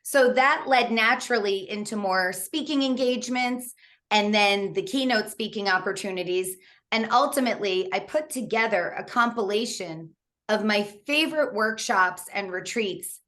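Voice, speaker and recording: A woman's voice: medium pitch, a bit bright. Guest, woman, 40s: candid, laugh-prone storyteller, casual interview over a video call. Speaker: author and coach guest.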